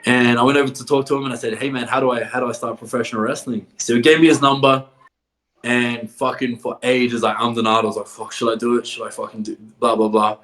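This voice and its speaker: Casting: man, mid-pitched, a chatty wrestler telling stories, laughing and swearing. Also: little pitch movement, fast talker, a bit bright. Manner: swears a lot, laughs often, filler-heavy "like". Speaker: professional wrestler, podcast guest. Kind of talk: casual storytelling.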